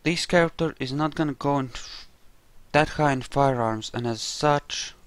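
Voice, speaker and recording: With no room sound, a man talks at a moderate pace in a smooth, medium-pitched voice while playing through a roleplaying game. His let's play commentary is relaxed and rambling, his thoughts spoken aloud as he goes.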